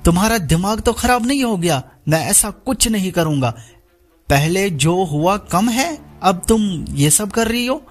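A man voicing a bitter, desperate young man who speaks harshly and shouts. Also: fairly high pitch, measured pace, faint music behind. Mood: bitter angry.

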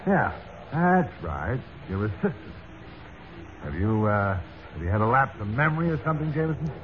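Actor as a animated hard-boiled police sergeant. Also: male voice, mid-range voice, moderate pace, lightly acted. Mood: needling. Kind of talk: old radio drama acting. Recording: dull, slightly noisy old radio recording.

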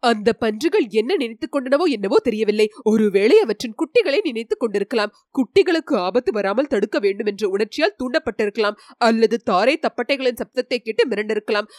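A woman narrates a storybook in an even, clear, steady read. Her voice sits on the higher side, and the recording is dry and close with no room echo. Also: a little fast. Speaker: audiobook narrator.

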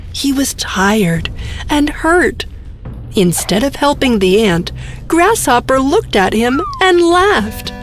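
A woman narrating a scripted bedtime story for children. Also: on the high side.

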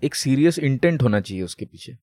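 A man's voice: mid-range voice, expressive, brisk, dark tone, no echo, studio quality. A man co-hosting a casual podcast, explaining at length with many fillers and English phrases mixed in. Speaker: podcast co-host. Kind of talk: casual chat.

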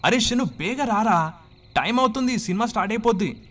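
A man's voice: high-pitched, expressive, brisk, a bit bright, voice pushed up. A man voicing a group of impatient young village boys urging their friend to hurry.

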